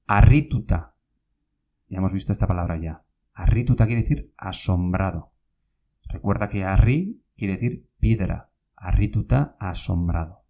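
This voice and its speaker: A man teaching Basque vocabulary in a podcast lesson, speaking slowly and patiently and repeating each word. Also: sits low, vocal fry, darkish tone.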